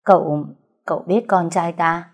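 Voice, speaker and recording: A woman's voice: fairly low pitch, a little slow. A woman reading an audiobook, voicing an older male crime boss who sounds tense and agitated. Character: older male crime boss, rattled, blustering then pleading.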